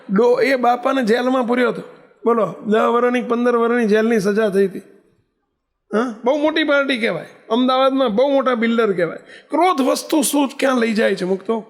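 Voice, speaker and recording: A man with a Gujarati accent giving a sermon as a swami, telling stories and acting out the dialogue, repeating phrases for emphasis. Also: high voice. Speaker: swami giving a religious discourse. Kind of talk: sermon with storytelling.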